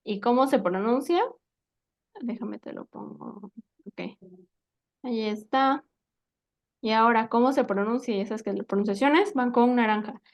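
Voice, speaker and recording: A woman's voice: on the high side, unhurried, creaky, long pauses. Patient woman teaching English. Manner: patient, quizzing with frequent tag questions. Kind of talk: live English vocabulary lesson.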